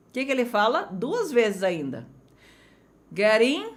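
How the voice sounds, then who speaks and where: A woman from Brazil teaching an online English lesson, energetic and chatty, with big swings of pitch as she talks straight to her students. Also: moderate pace, noisy background.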